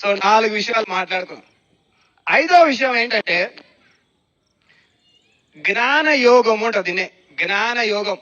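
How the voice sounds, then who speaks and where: Spiritual speaker, man, very high voice, lively, asks the crowd questions, dull lo-fi recording. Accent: Telugu. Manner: lively, questioning, repeats phrases for emphasis. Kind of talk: meditation discourse. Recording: dull lo-fi sound.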